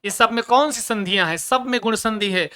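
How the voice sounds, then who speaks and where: A man teaches a grammar lesson in a bright, forward voice that rings clear and smooth. He keeps asking his students questions and then answers them himself. He drops in quick joking asides as he goes. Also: high voice.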